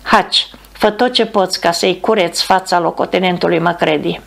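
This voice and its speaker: A woman reading a steady bomber captain. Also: lowish voice, creaky. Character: man, a calm bomber captain giving orders.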